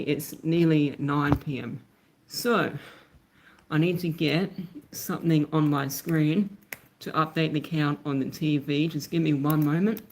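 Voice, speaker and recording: An Australian man chatting casually on a phone livestream, thanking viewers by name as he goes. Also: fairly high pitch. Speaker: YouTuber live-streaming.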